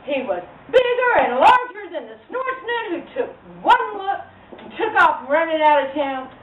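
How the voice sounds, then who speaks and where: A woman's voice: very high voice, big pitch swings, moderate pace. A woman telling a children's story live in a theatrical, folksy, emphatic manner. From Louisiana, USA. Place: live before an audience of children, distant mic. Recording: tinny, distant, echoey live recording with noise.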